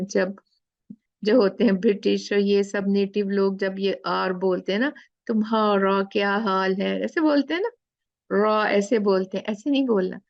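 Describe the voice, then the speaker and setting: A woman teaching an online recitation class, patiently repeating sounds slowly to demonstrate them over a video call. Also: mid-range voice, fairly even intonation, darkish tone, no room sound, muffled recording. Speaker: tajweed teacher.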